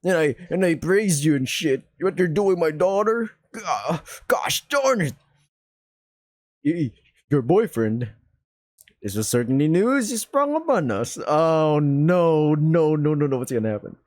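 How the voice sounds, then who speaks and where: A man's voice: on the high side, big pitch swings, a little slow, dry recording, clean studio sound. A man voicing an angry, drunken middle-aged father who splutters with outrage at his daughter's news. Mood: outraged.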